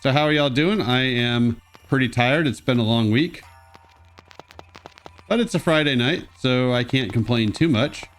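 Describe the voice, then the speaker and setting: A man's voice: mid-range voice, unhurried, fairly bright tone. A man giving casual, wry commentary as host of a video game let's play, with joking asides.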